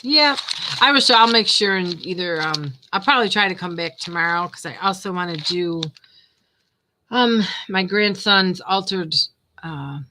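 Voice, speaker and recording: An older woman with a voice on the low side talks at a measured pace, sounding pushed and bright. She hosts a craft livestream, chatting casually and ramblingly while she works and laughing frequently, on a noisy home recording.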